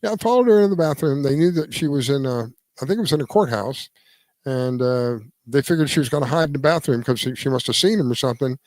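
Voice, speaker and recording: A man in his seventies giving his opinion in casual radio talk, earnest and halting, restarting his sentences as he goes. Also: medium pitch, dry recording. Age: 70s. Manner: lively, swings between emphatic and quiet. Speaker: radio show host.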